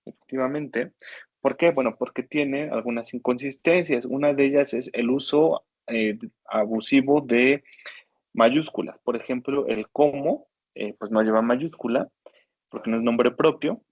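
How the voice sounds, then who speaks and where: A man with a Mexican Spanish accent lectures students on grammar and spelling. His voice sits at an ordinary middle pitch, recorded close and dry with no room sound. He talks with many fillers, restarts and little tag questions to check in with the class. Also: darkish tone, dry recording, highs cut off. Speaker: university writing instructor.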